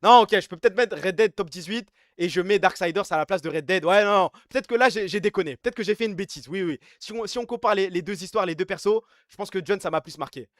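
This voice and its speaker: Streamer, male, from France: rapid, high-pitched, slangy and blunt, dry close sound. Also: no echo. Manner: slangy, blunt, ranting about games. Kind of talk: casual live-stream chat.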